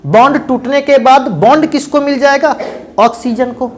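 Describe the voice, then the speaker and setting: A man's voice: extremely high pitch, normal speed. A man teaching chemistry in a lecture. He calls his students beta and bhaiya and keeps asking questions and answering them himself. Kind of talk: classroom lecture.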